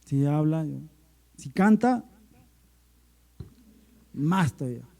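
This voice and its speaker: Middle-aged male pastor, sermon delivery, warm and somewhat high, emphatic stretched phrasing. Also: animated, vocal fry. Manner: preaching with surging emphasis and slowed, stretched phrases. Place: church service.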